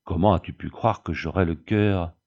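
Storybook: man voicing a distraught young man, anguished refusals, low gravelly voice. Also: moderate pace, a little mellow. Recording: dull lo-fi audiobook recording.

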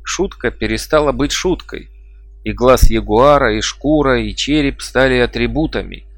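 A man reading an audiobook in a measured, even storytelling manner. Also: mid-range voice, no room sound. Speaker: audiobook narrator. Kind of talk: scripted narration.

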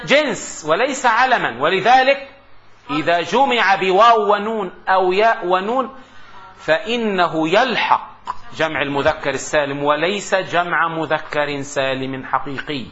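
A man teaching grammar in a lecture, with a high, bright voice. He poses questions to his students and drawls out his example phrases. The recording is dull and lo-fi. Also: expressive. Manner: explains with rhetorical questions and slow recitation of examples. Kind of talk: classroom lecture.

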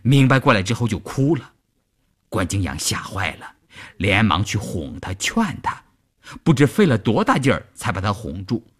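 A man reading a long story aloud as narrator, with an expressive, dramatic delivery. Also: fairly low pitch, moderate pace.

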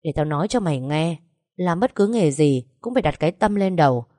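A domineering older-sister figure, sly and brash, who scolds and gives orders without pause, played by a woman reading the story. Her voice is lower-pitched and sits close and dry in the recording. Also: expressive, warm tone, no echo. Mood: scolding. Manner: brash, bossy.

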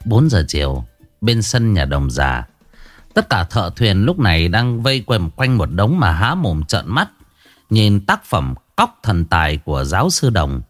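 Male storyteller, wry and expressive; dry, close sound. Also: on the low side, measured pace, dry recording, faint music behind. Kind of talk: comic ghost-story narration.

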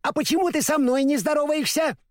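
A man's voice: extremely high pitch, lively intonation, normal speed, no room sound, studio quality, voice pushed up. A man doing a feisty, proud little dog. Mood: indignant. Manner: indignant, proud. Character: small proud lapdog, male, feisty. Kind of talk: storybook reading.

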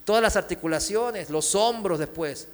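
Animated high-voiced preacher in a hall. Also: male voice, normal speed. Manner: animated storytelling, acts out cries and laughs. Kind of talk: sermon. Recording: long hall reverb.

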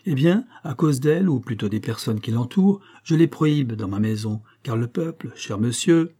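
Stern aristocrat, moralizing, lecturing, man reading the part, slightly raised pitch, husky. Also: expressive, normal speed, warm tone, close to an everyday voice. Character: stern aristocratic older male count, moralizing.

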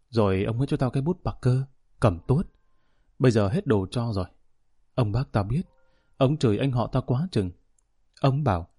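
A man voicing a sad young runaway son who quietly tells of his hardships in an audiobook story. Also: medium pitch, slightly rough, no room sound, clean studio sound, close to an everyday voice.

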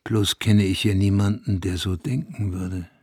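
A male actor voices a brooding, reflective narrator from a dying town in a measured, literary radio play monologue that sinks to a hush at times. His deep, husky voice is heavily acted, and the mood is grim and brooding.

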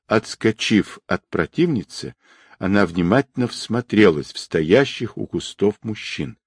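A man narrating a crime novel in an expressive, dramatic reading style. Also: lowish voice, unhurried, husky, no room sound, studio quality. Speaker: audiobook narrator.

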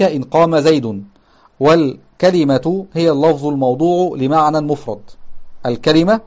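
A man's voice: on the high side, darkish tone, highs cut off. A man teaching a grammar lesson. He explains step by step, repeats key terms, often checks with his listeners, and raises his voice when he quotes the text.

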